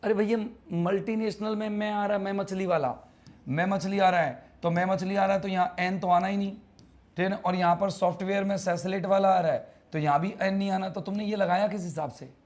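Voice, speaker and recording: A man's voice: high-pitched, steady tone, fairly quick, darkish tone. A man teaches an English grammar class live online. He talks casually and coaxes his students, repeating words over and over to drill them.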